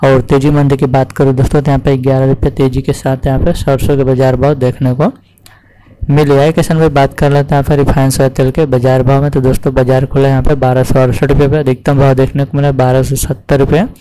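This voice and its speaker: Fast-talking man reading commodity prices. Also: mid-range voice, level tone, dark tone, a little hiss or hum, poor audio. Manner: fast, repetitive formula, addresses listeners as friends. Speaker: commodity price channel host. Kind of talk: reading market prices to farmers.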